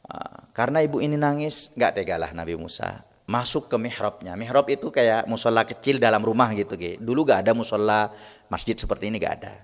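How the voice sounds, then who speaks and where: Gravelly male preacher in a reverberant hall. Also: on the low side, a little fast. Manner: retells stories, mixes in Arabic recitation, addresses the congregation directly. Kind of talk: Ramadan dawn sermon with storytelling. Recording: long reverb from a large hall.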